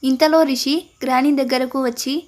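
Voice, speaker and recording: A woman's voice: high voice, steady tone, moderate pace, darkish tone. A woman with a Telugu accent narrating a family story and reading each character's lines in her own voice.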